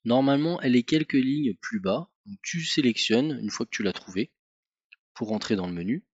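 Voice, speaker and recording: Male tutorial host, mid pitch, methodical, dry slightly muffled recording. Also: normal speed, breathy edge, no echo. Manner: calm, methodical, addresses viewer informally. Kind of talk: step-by-step instructional voice-over.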